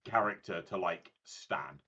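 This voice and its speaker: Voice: low-pitched, unhurried, sharp tone, husky, dull audio. A player teasing friends in casual chat.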